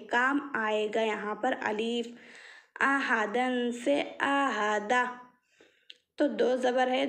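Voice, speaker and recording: A woman teacher speaking at a very unhurried pace with a fairly high voice. She poses questions to her class and answers them herself, drawing each example word out slowly. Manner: draws out example words very slowly. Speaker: Quran reading teacher. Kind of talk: slow step-by-step lesson.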